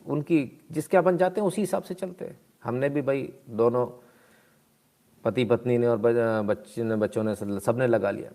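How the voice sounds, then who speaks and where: A man's voice: mid-range voice, darkish tone. A man hosting a live stream in casual commentary, exclaiming, asking rhetorical questions and reading out viewer comments.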